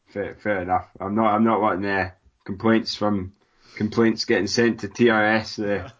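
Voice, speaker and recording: A man co-hosting a sports podcast in a casual, halting and informal way. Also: lowish voice, level tone, dull audio. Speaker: podcast co-host.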